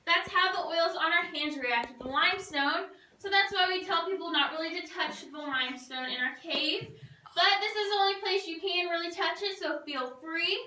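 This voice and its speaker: Inside a show cave, a woman working as a tour guide delivers semi-rehearsed narration in a very high-pitched, bright, forceful voice at a moderate pace. She's recorded off-mic from a distance, with cave echo on her voice and faint noise.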